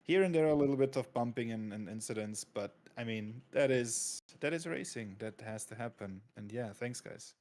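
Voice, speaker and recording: A man on a racing stream, speaking casually in a halting way with many restarts. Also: mid-range voice, a little mellow. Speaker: guest commentator. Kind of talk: casual chat.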